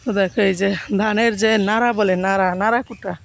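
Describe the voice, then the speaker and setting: A woman from Bangladesh vlogging as she walks along a village road, speaking quietly and a little muffled by a face mask. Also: medium pitch, steady tone, fast. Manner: soft-spoken, talks quietly in public. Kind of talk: casual walking vlog.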